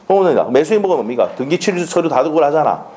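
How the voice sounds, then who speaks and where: A man's voice: on the high side, very animated, quick pace, dark tone. A man with a Gyeongsang Korean accent giving a classroom law lecture, blunt and colloquial, constantly firing rhetorical questions and checking that students follow.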